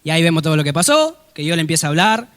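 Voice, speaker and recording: A man with a Rioplatense Spanish accent preaching a sermon, swinging between loud exclamations and quiet low asides. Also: big pitch swings, rapid-fire. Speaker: apostle and prophet preaching.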